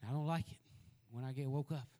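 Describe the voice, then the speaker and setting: A man preaching a sermon as an evangelist, telling a folksy story and building to loud exhortation. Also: mid-range voice, steady tone, fast talker.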